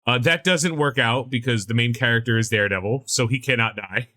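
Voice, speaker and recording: A man co-hosting a casual pop-culture podcast, talking in an animated, sarcastic rant with frequent swearing. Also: medium pitch, a little fast. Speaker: podcast co-host.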